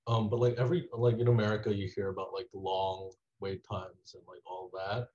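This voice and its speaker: A young man from Taiwan, a student being interviewed, telling a rambling story full of "like" fillers that trails off quietly. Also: lowish voice, flat delivery, brisk. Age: young adult. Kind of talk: casual interview. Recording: dull lo-fi audio.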